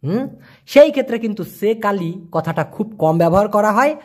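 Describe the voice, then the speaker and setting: A man teaching a casual online language lesson, answering viewers' questions by name and repeating words slowly as he explains them patiently. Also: high-pitched, lively intonation.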